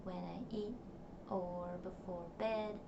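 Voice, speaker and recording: Speaking slowly in a low, creaky voice with fairly even intonation, a young woman whose native language is Russian muses aloud for her personal diary vlog, filling it with hesitations. It's a noisy, dull home recording captured from a distance.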